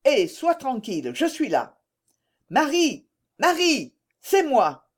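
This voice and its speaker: A woman's voice: mid-range voice, big pitch swings, measured pace, a little mellow. A woman voicing an honest, indignant grown peasant ploughman in a read-aloud story. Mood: earnest.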